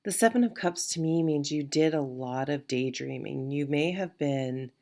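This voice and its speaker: A woman speaks at a moderate pace in a low-pitched, slightly mellow voice while giving a casual tarot reading. Allergies make her a little nasal, sniffly and congested; she's rambling and reassuring, often restarting and using fillers.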